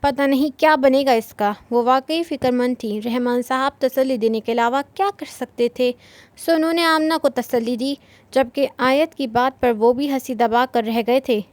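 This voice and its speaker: A woman with a high voice narrates a novel in a brisk storytelling manner. The recording is dry and close, with no room sound. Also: no echo. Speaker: audiobook narrator.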